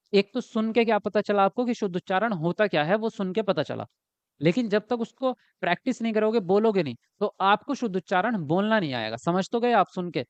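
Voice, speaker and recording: Guy teaching a live online class, highish smooth voice, keeps going "right?", kinda dull dry lo-fi sound. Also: no room sound. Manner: chatty, keeps asking "right?" and answers chat comments. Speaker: exam prep teacher.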